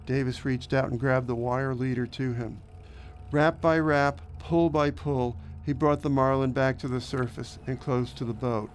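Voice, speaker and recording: A man reading an audiobook in a measured, descriptive narration. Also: medium pitch, steady tone, slight background noise. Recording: narration over background music.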